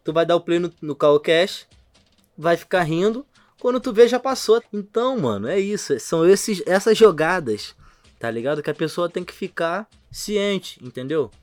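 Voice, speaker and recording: A man's voice: high voice, expressive, normal speed. A man with a Rio de Janeiro accent co-hosting a casual home podcast, slangy, teasing and swearing a lot. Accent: Rio de Janeiro Portuguese. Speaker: podcast co-host. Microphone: home podcast mic.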